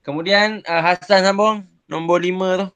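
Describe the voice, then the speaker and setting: A man's voice: high voice, steady tone, normal speed, a bit bright, smooth, dry recording. A young adult man with a Malaysian Malay accent, teaching young pupils a religion lesson in an online class in a chatty, teasing way, often checking with "kan?". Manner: acts out silly examples with a chuckle.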